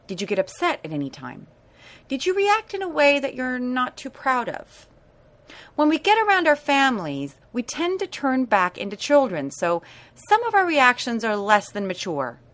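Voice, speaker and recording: A woman giving blunt, sassy self-help advice in an animated way. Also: sits high.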